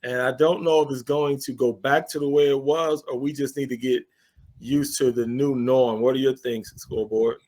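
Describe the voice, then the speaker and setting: A man's voice: medium pitch, steady tone, moderate pace, a little mellow. A man hosting a casual sports talk show from a cafe studio, loose and joking as he steers the chat. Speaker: podcast host.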